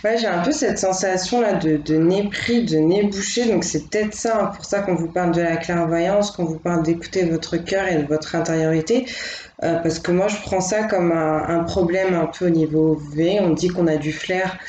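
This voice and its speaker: A woman doing a casual, spoken tarot reading as host, thinking aloud in a gentle, reassuring way. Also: fairly low pitch, normal speed, roomy sound, a little hiss or hum, low-quality recording. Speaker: tarot card reader.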